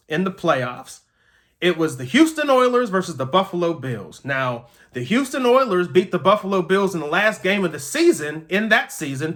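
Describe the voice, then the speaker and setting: A man's voice: high-pitched, bright, forceful tone. A man delivering an earnest motivational pep talk as a host, emphatic, repeating key phrases and checking in with listeners.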